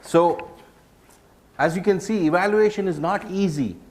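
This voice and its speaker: A man presenting a public speaking workshop, lively and joking with the audience. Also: high-pitched, unhurried, slight background noise. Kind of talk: live workshop talk.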